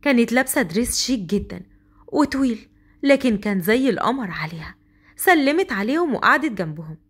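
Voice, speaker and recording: Brief: Egyptian woman narrator for a romance audio story, quick and animated, slightly high. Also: husky.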